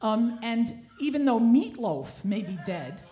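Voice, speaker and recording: A woman in her sixties performs stand-up in a somewhat high voice. She complains wryly and at her own expense, with a Yiddish-inflected turn to her delivery. It is a live stage recording on a handheld mic, with clear background noise. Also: big pitch swings, slow pace, dark tone. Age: 60s. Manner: wry, self-deprecating complaining. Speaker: stand-up comedian. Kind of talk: stand-up comedy routine. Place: theatre stage, indoors. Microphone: handheld stage microphone.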